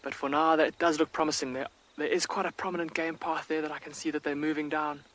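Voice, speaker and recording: A man's voice: on the high side, little pitch movement, fast talker, a bit bright. A man working as a field guide, giving live, enthusiastic wildlife commentary from an open safari vehicle and answering viewer questions. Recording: faint outdoor bush ambience.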